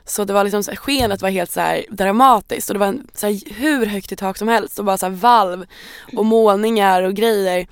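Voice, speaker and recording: Gravelly-voiced woman telling a story. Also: mid-range voice, dry recording, clean studio sound. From Stockholm. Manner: lively anecdotal, acts out quotes, swears casually. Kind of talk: casual chat, storytelling.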